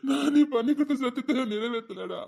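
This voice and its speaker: A man's voice: extremely high pitch, fast talker, creaky, darkish tone. An actor with a Tirunelveli accent playing a grieving retired soldier who cries and pleads for forgiveness from his dead friend. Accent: Tirunelveli Tamil. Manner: sobbing, pleading apologies. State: crying. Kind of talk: web series drama acting.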